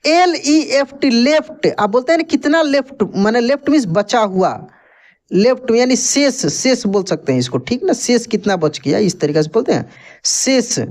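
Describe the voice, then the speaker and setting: In an animated, very high-pitched voice at a moderate pace, a man runs an English vocabulary lesson. He spells every word letter by letter, patiently repeats it along with its meaning, and often checks on how the listener is doing.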